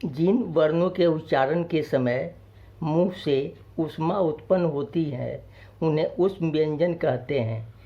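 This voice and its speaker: Slow, patient male teacher, lo-fi. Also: fairly high pitch. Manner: slow, patient, explains each point twice. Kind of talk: children's grammar lesson.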